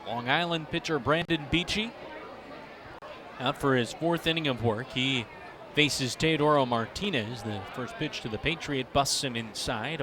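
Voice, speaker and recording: A man with an American accent calling baseball on the radio as a play-by-play announcer. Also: medium pitch. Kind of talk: live baseball play-by-play and sponsor reads. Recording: live ballpark broadcast, loud crowd noise. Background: crowd and outdoor ballpark ambience.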